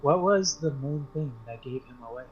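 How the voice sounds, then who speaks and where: A man's voice: fairly high pitch, expressive, normal speed, soft background music. A man playing a tabletop roleplaying game, asking polite, formal questions, his voice muffled and distant as if he were inside a well. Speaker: player.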